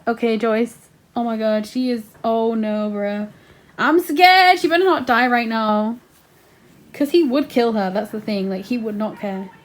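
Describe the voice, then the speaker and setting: A woman reacting to a show in casual commentary, excitable and full of slang and swearing. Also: on the high side. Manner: excitable, exclaiming, slangy and profane. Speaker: reaction video host.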